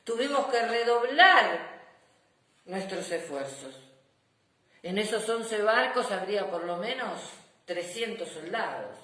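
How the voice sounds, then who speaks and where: Woman as animated grandpa storyteller in echoey room. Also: medium pitch, takes it slowly. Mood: suspenseful, proud. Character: proud, affectionate old grandfather general telling war memories. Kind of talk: children's storybook narration.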